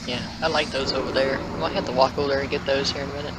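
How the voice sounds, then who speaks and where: A woman's voice: a bass voice, fairly even intonation, rapid-fire. Woman chatting casually over noisy outdoor audio. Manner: casual, folksy, asking questions aloud to unseen listeners. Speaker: paranormal investigator and vlogger. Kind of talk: casual running commentary on a cemetery walk. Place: outdoors in a cemetery. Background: clear outdoor ambient noise.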